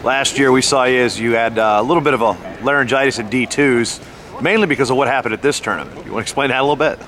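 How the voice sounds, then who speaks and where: A man's voice: medium pitch, fast, fairly bright tone. A man conducting a conversational sports interview on site, putting questions to his guest. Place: at a championship venue.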